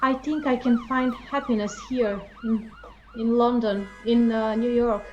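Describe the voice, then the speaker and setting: A woman's voice: on the high side, fairly even intonation, unhurried, darkish tone, lo-fi sound, a little hiss or hum, lightly acted. A woman playing a naive would-be starlet. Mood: dreamy, unsure. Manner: hesitant, stammering, giggly. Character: naive young woman dreaming of film stardom. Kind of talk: improvised film-noir comedy scene.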